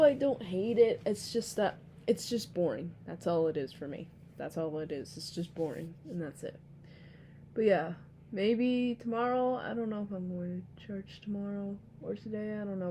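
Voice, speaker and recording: A woman's voice: lowish voice, mellow, slight background noise. A sleepy young woman vlogging casually, rambling with lots of fillers and yawns. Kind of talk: casual vlog talk.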